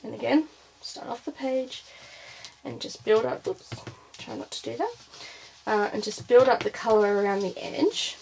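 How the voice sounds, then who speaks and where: Creaky-voiced woman giving a craft tutorial. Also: fairly high pitch, moderate pace, long pauses, darkish tone, low-quality recording. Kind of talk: informal demonstration narration, thinking aloud. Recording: clear background noise, clicks.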